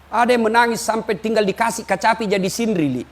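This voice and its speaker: A man preaching a humorous sermon as a lively storyteller who acts out quotes. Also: high voice, quick pace. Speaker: Islamic preacher.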